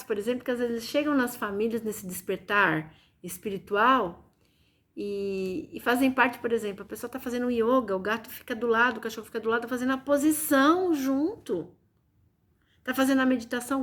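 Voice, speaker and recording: A woman with a Brazilian Portuguese accent hosting a casual spiritual live stream from home, chatty and often turning to her viewers. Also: on the high side. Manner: chatty, keeps addressing viewers with "gente" and "né". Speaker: live-stream host and reiki teacher.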